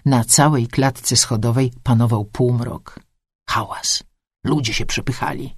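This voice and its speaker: A woman narrating a first-person story with a lively, expressive reading. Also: extremely low pitch, unhurried, breathy edge.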